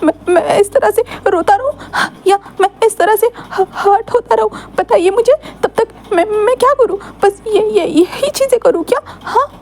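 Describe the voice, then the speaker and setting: A woman's voice: high-pitched, steady tone, brisk, mellow, slight background noise, natural voice. A woman voicing a heartbroken young man who cries and stammers while pleading to be loved. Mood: tearful. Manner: sobbing, stammering, repeating words. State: crying.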